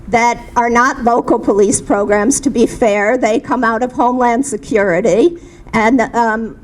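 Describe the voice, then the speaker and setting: Earnest woman, higher voice. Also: low-quality recording. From Minnesota, USA. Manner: earnest, halting with restarts. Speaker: community activist. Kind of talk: panel discussion remarks.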